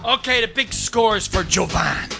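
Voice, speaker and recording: A man's voice: high-pitched, unhurried, gravelly. A man emceeing a live open mic contest, playful and hyped as he works the crowd. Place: live venue with a band. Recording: loud guitar music behind the voice.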